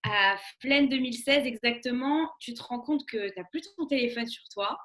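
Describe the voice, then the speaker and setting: High-voiced young female co-host, playful. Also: moderate pace. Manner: lively, playful questioning. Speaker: co-host, columnist. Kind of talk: radio segment, leading an interview.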